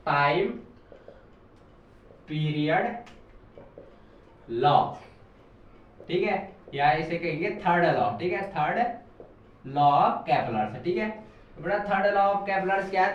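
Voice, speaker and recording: Male physics teacher dictating notes. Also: high-pitched. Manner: calls students "beta", asks and answers his own questions; dictates notes slowly word by word. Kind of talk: classroom lecture. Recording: echoey, distant, dull sound.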